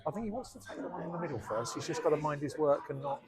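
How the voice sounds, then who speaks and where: A man's voice: a little high, lively intonation, rapid-fire, music in the background. A man co-commentating on a pool match with dry, teasing quips. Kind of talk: casual live commentary. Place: pub during a pool match. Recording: noisy pub crowd behind. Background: pub crowd chatter.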